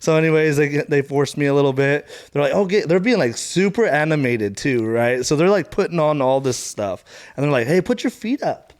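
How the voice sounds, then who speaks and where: A man's voice: a little high, fairly quick, clear, resonant tone. A Marine veteran guest telling a story in casual, profane podcast talk, laughing as he goes. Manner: laid-back, profane, laughs through his story.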